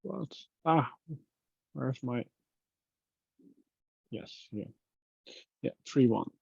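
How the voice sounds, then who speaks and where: Muttering his way through a technical problem, a software engineer thinks aloud casually on a working group call. His mid-range voice is animated, gravelly, dark and slightly rough, with drawn-out words and no echo, though the call audio is dull and lo-fi.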